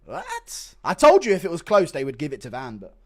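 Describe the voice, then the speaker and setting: High-pitched, excitable male fight streamer. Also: fast. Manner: excitable, sweary, swings from calm to shouting. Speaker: livestreamer reacting to a fight. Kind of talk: live fight commentary and casual chat reaction.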